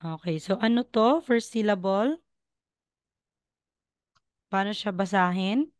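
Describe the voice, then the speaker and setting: A woman's voice: medium pitch, slow, dry recording, studio quality. A woman from the Philippines teaching Korean over a video call, patiently coaching students and repeating sounds. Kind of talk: online class teaching.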